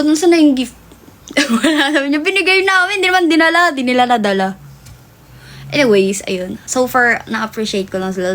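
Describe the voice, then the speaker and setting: A woman's voice: medium pitch, slight background noise. A young woman hosting a livestream, telling a long story in casual chat that switches between Tagalog and English and is full of fillers. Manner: rambling Taglish storytelling with many fillers. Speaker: livestream host.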